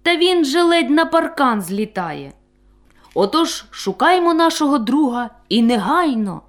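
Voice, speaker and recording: A woman voicing a cheeky, bossy male kitten in a storybook tale, with a sharp, scolding manner. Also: sits high, very animated, measured pace, pitched above the performer's own voice, full character voice. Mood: earnest.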